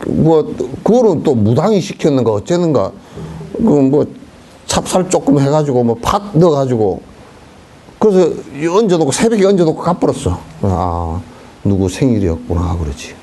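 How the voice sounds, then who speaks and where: A man's voice: mid-range voice, big pitch swings, moderate pace, warm tone, a little hiss or hum. A middle-aged man, a Buddhist monk, giving a casual sermon and telling folksy stories, sometimes acting out voices. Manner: folksy storytelling, acting out beggars' songs and dialect.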